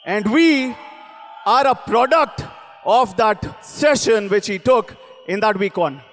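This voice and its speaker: A man hosting an event in a booming motivational speech style, commanding and exhorting with shouted calls and repeated phrases. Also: animated, slow pace. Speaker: event host introducing a speaker. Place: large event hall on stage. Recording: long hall reverb.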